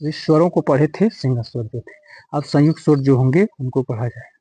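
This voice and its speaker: A man's voice: medium pitch, brisk, dark tone, slightly rough. A man teaching an exam-prep grammar lesson, often repeating each question and answer and drawing out words for emphasis.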